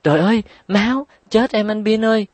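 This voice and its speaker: A man's voice: medium pitch, animated, a little mellow, no echo, close to an everyday voice. A man voicing a spoiled little girl who whines and snaps back sassily. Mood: whiny. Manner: whining, sassy, quick retorts. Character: bratty, whiny little girl.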